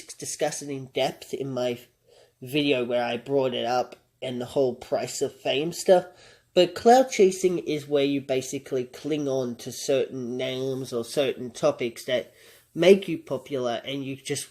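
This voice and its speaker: A man's voice: medium pitch, darkish tone. A man hosting a reaction commentary, talking through song lyrics in a conversational, analytical way and chuckling often. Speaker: commentary channel host.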